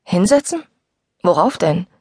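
A woman voicing a nervous, snappish teenage girl in a storybook reading, with a breathy voice. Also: mid-range voice, expressive, fairly quick, dry recording, studio quality.

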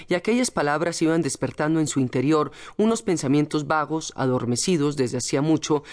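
A woman reading a novel aloud as audiobook narrator in a measured, dramatic manner. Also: low-pitched, a little mellow. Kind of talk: scripted narration.

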